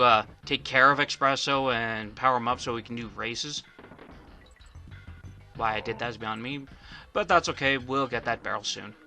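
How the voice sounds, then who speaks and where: A man's voice: mid-range voice, pushed and bright. A man giving casual let's play commentary, rambling and often stuttering on the first syllables of words.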